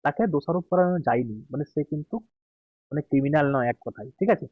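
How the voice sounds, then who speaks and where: A man with a Bengali accent, an exam tutor going through answer keys slowly, stretching out English words and checking in often. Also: on the high side, slightly rough, no room sound, phone-quality sound.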